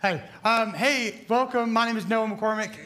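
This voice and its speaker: Hoarse from bronchitis, a young student pastor preaches a casual, joking sermon to a church-hall crowd at a moderate pace. His scratchy, high-for-a-man voice sounds pushed and bright, and he rambles, teases himself, and keeps restarting amid lots of fillers.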